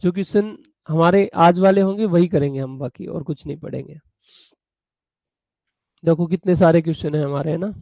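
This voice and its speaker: Guy teaching an online class, kinda high and gravelly, fatherly and chatty with his students. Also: normal speed, long pauses, a little mellow, no room sound. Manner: acts out buyer and seller in a story, chatty and fatherly with students.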